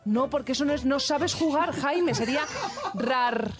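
A woman's voice: high voice, normal speed. A woman leading a word game on a radio show, bossy and teasing. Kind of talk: playful studio banter. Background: music bed.

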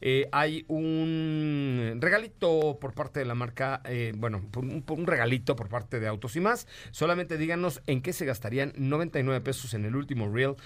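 A man's voice: medium pitch, normal speed. A man with a Mexican accent hosting a live radio show with casual, colloquial, joking banter. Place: radio studio. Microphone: studio microphone.

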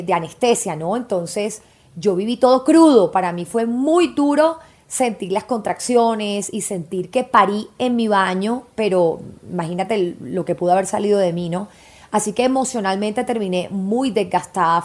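A woman's voice: mid-range voice, a little mellow. A woman in her thirties hosting a podcast, telling a personal story in a candid, emotional way. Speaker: podcast host.

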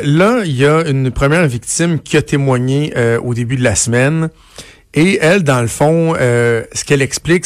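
A man with a Quebec French accent leads a morning news interview. He builds his questions in a loose, conversational way, full of hesitations and restarts. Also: fairly high pitch. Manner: conversational, many fillers and restarts while framing questions. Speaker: radio host.

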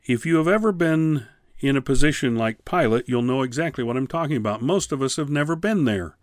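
A man teaching a radio Bible lesson, reading scripture in slow, measured phrases and then commenting with emphatic rises on key words. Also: mid-range voice, animated, dry recording, clean studio sound.

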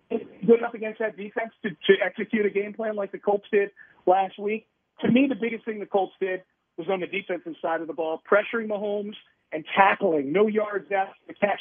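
A man's voice: high-pitched, breathy edge, no echo. A man, a sports radio host calling in as a guest, heard over a phone line, making emphatic points and stacking up examples. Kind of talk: sports analysis chat. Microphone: telephone.

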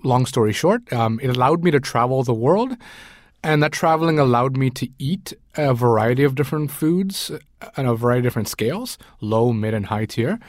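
In an easygoing interview, a Sri Lankan food writer in his forties talks fairly quickly and animatedly, hesitating often with ums and uhs. His voice sits at medium pitch, and the studio sound is clean with no echo.

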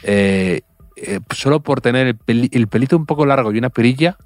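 A man's voice: mid-range voice, fairly quick, no echo, soft background music. A man co-hosting a casual football podcast, making wry, dry jokes and stammering into restarts. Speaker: podcast co-host. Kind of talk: casual chat about football.

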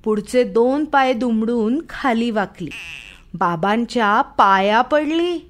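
A woman narrating a children's story in a slow, expressive way. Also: on the high side. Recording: soft background music.

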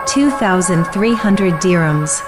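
Woman, low voice, slow even announcer delivery, loud music underneath. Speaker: recorded banker voice announcing amounts.

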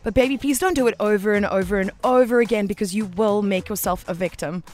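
Hosting a radio call-in show, a woman is warm, chatty and affectionate with callers, calling listeners baby. She has a mid-range voice and talks fast.

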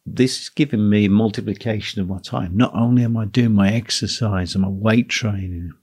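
A man hosting a solo talk on running a teaching business, speaking in a relaxed, musing way. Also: lowish voice, moderate pace, slightly rough. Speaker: podcast host, guitar teacher.

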